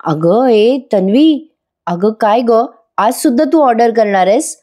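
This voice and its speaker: An exasperated young husband, coaxing and pleading with his wife, as a woman acts him out. The voice sits somewhat high and sounds soft and mellow. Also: lively intonation, unhurried.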